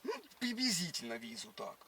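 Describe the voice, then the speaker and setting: A man's voice: fairly high pitch, huge pitch swings, a little fast, vocal fry, crowd noise, heavily acted. A man playing a naive, boastful village bumpkin on a date, with a slushy lisp and rambling, slangy rustic speech. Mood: earnest, silly. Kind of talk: prank dialogue in casual chat. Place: inside a car.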